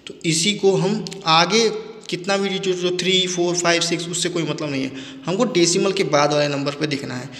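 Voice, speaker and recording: A man's voice: a little high, moderate pace, fairly bright tone. A man teaching a maths lesson in speech, asking questions and answering them himself as he repeats each step. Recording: echoey room with long reverb.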